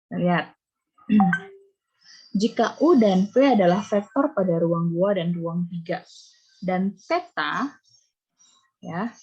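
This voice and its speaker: Husky woman lecturing over a call. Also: mid-range voice, a little mellow, highs cut off. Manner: questions students, coaxing and scolding. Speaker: university lecturer. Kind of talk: online math lecture. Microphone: video call.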